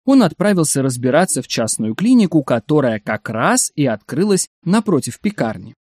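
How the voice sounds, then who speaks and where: A man narrating a short story in a wry, expressive reading. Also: fairly high pitch, moderate pace, dry recording, clean studio sound.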